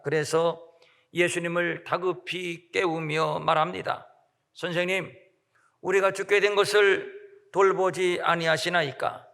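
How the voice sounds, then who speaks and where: Male pastor, high-pitched, gravelly voice, measured emphatic sermon, long hall reverb. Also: fairly bright tone. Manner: measured, emphatic preaching with dramatic pauses. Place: large church sanctuary.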